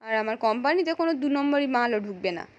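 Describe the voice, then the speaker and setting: A woman's voice: fairly high pitch, lively intonation, fast, dull audio, natural voice. A woman reading the lines of a firm, upright middle-aged husband, in a firm read-aloud voice.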